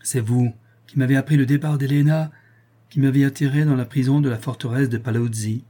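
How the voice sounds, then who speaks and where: A man's voice: medium pitch, steady tone, brisk, dark tone, lightly acted. A man reading a young nobleman who is passionate and indignant, raising his voice as he pleads and accuses.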